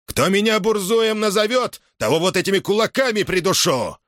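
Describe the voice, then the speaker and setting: A man's voice: high voice, expressive, normal speed, fairly bright tone, dry recording, clean studio sound, voice pushed up. A man voicing a huge Cossack strongman who bellows threats. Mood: menacing.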